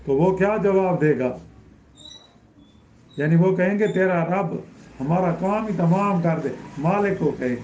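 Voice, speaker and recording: Guy teaching quran lesson, kinda high voice, muffled lo-fi echoey room, keeps repeating for emphasis. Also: long pauses, darkish tone, a little hiss or hum. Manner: explains by repeating and rising in emphasis. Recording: roomy, dull lo-fi recording.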